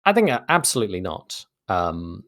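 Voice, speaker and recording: A game narrative designer appears as an interview guest, explaining things articulately in a thoughtful, conversational way. His low voice is very animated and fairly bright, moving at a moderate pace, captured at studio quality with no echo.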